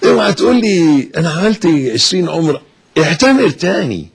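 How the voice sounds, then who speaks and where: A man with an Egyptian accent preaching an impassioned sermon, swinging from hushed to loud. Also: fairly high pitch, big pitch swings, brisk, slight background noise. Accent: Egyptian Arabic.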